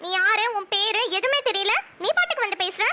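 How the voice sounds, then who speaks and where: A woman's voice: very high-pitched, animated, fairly quick, heavy background noise. A woman voicing a fiery young woman who scolds hard in a cartoon. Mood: angry. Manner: scolding, fierce. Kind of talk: cartoon voice acting.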